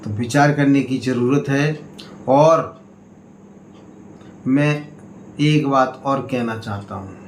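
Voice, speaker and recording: A man giving a political speech to community members, in slow, emphatic oratory that swings between raised appeals and low warnings. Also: a little hiss or hum. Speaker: party state president. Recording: echoey room, faint ambience.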